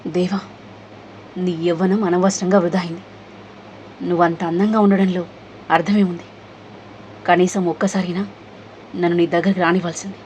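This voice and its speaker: A woman reading the lines of a scheming young woman, asking quick, anxious questions in a higher voice. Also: level tone, darkish tone, a little hiss or hum, natural voice. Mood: brooding.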